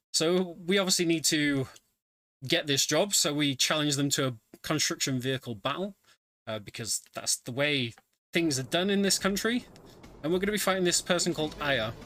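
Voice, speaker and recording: With a slightly high, sharp-toned voice, a man narrates his own speedrun live, explaining what he does with some hesitation. The game's music is audible behind him.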